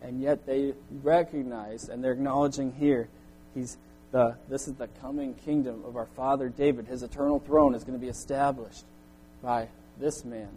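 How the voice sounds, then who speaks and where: A man preaching a sermon in earnest, his voice climbing loud when he echoes the crowd's cries. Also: medium pitch, steady tone, normal speed, slight background noise. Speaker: pastor.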